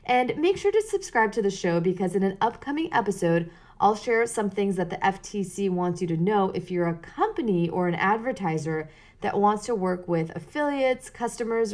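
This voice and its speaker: A woman's voice: medium pitch, animated, moderate pace, darkish tone. A woman hosting a solo podcast, explaining tips in a conversational way and speaking straight to the listener. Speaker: podcast host.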